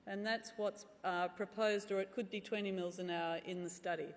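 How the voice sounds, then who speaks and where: A woman's voice: mid-range voice, steady tone, moderate pace. A middle-aged woman, answering questions as a medical conference speaker in a candid, drily humorous way. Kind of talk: answering audience questions after a medical talk. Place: large conference room. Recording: echoey hall with long reverb.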